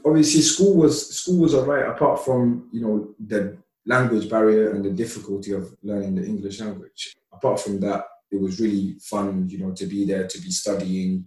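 A man from Somalia, a podcast guest, telling stories from his childhood in a relaxed, chatty way with lots of laughter and fillers. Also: fairly low pitch, fairly quick, few pauses. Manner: relaxed, laughs often, many "you know" fillers. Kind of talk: casual storytelling. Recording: roomy, distant mic.

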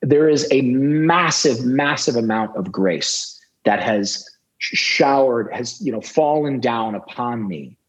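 A man's voice: mid-range voice, animated, slow, highs cut off. A man guest on a podcast telling a candid personal story about recovery and faith, swearing freely and reflecting.

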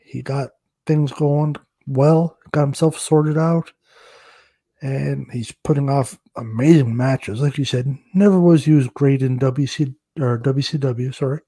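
Husky, mellow-voiced joking man. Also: medium pitch, fairly even intonation, no echo. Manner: self-deprecating, joking, halting. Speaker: podcast co-host, referee. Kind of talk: casual podcast chat.

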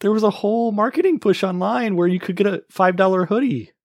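A man's voice: sits high, a little fast, a little mellow, no echo, studio quality. A man co-hosting a podcast, asking curious questions in casual chat. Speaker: podcast co-host.

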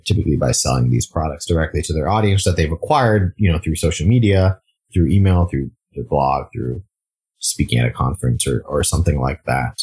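A man who grew up in Singapore, a startup founder talking casually in an interview, full of fillers and restarts. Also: rumbling low. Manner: relaxed, frequent fillers and restarts.

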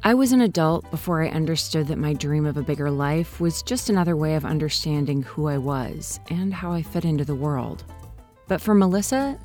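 A podcast host with a fairly low voice narrates calmly and gently. Her scripted delivery is unhurried, with soft music faintly audible underneath.

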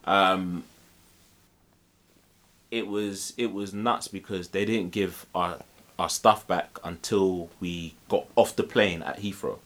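Male, London roadman accent, slightly low pitch, slangy, conversational, casual anecdote among friends. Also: steady tone, takes it slowly, fairly bright tone. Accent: London, urban street style (roadman). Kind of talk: casual chat, recounting an experience.

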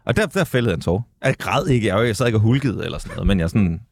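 A man's voice: on the low side, expressive, gravelly, breathy edge. A man from West Jutland with a West Jutland accent, a musician guest in casual radio chat, laid-back, swearing freely and full of fillers. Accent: West Jutland Danish. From West Jutland, Denmark. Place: radio studio.

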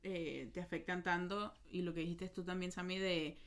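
A woman's voice: lowish voice, moderate pace. A woman, chatting casually as a podcast co-host and leaning on filler words. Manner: relaxed, chatty, leans on "o sea" fillers. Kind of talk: casual chat.

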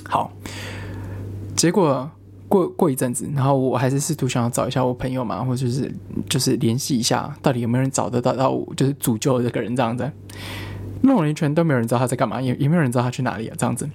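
A man's voice: mid-range voice, quick pace, gravelly, a little mellow, slightly rough. A young man, a student, telling a rambling personal story in casual chat, with frequent restarts.

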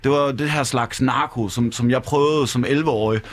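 A man chatting casually about football as a podcast panelist, often stumbling and repeating the same word before he gets going. His voice sits at an ordinary middle pitch. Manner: stammering, repeats words. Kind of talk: casual chat.

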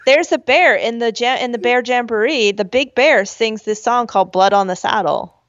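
At home with her dog, this podcast co-host talks in a high voice at a moderate pace, laughing through casual chat and using squeaky voices whenever she quotes herself. The sound is dry, without room echo, and a bit dull and lo-fi.

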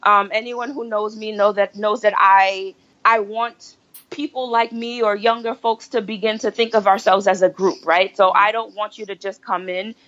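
A woman from New Jersey in the United States, a podcast guest, explains her views on political organizing in casual conversation, often checking in with "right?". Her voice is mid-range, a bit bright and fairly even at normal speed, though the audio is dull and muffled.

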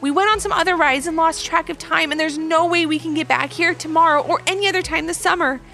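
A woman voicing an eager, determined young girl in a children's story, high and excited, pleading hard to get her way. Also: quick pace, soft background music, full character voice.

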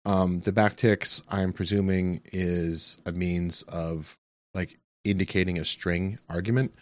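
A man with a low, deep voice works through quiz questions out loud in a relaxed tech chat. He hesitates, fills gaps with ums and talks himself toward an answer. His voice sounds dry and close, with no room echo. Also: measured pace. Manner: thinks aloud, hesitant, many ums. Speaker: quiz contestant.

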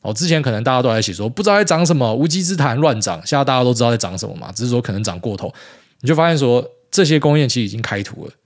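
A man's voice: medium pitch, animated, rapid-fire. A man, chatting casually and bluntly, swearing often as he rambles through listener questions. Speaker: podcast host answering listener questions. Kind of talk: casual chat.

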